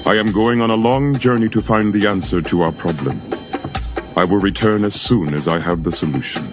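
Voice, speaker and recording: A man's voice: lowish voice, fairly quick, loud music behind the voice, lightly acted. A man voicing a wise, fearless lion king in a storybook, regal, firm and commanding. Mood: resolute. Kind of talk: storybook character voice over music.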